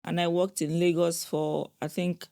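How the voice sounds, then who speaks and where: A woman's voice: lowish voice, flat delivery, normal speed, creaky, mellow, clear, resonant tone. A Nigerian woman in her thirties, from Anambra State, chatting casually on a podcast and laughing often. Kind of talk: casual chat.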